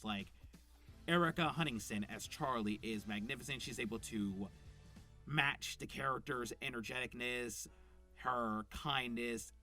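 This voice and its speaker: In a mid-range voice that sounds pushed and bright, a male voice actor reviews a show. His unscripted commentary is enthusiastic and rambling, full of fillers.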